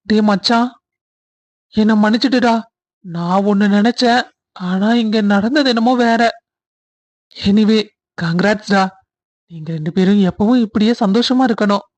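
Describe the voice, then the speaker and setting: A performer voicing a young husband in a cartoon story, earnest and quick to scold. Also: mid-range voice, natural voice. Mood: apologetic. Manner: stern then tender, scolding. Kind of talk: cartoon voice acting.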